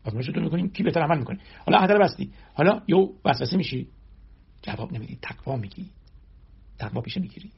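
A man's voice: a little high, animated, creaky, breathy edge. A man giving a sermon, explaining scripture verse by verse and answering his own rhetorical questions. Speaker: religious teacher. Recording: dull lo-fi recording.

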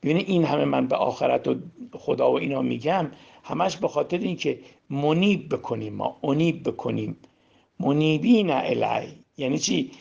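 A man preaching a sermon on Quran verses, who asks and answers his own questions and swings between loud emphasis and hushed demonstration. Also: mid-range voice, animated. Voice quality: gravelly; husky. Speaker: religious teacher. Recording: dull lo-fi recording.

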